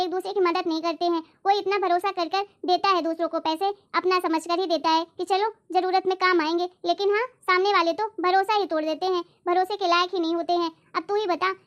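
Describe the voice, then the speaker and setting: A woman's voice: very high-pitched, dull audio. A woman voicing an exasperated elder sister in a family drama skit, scolding and insistent as she demands her money back.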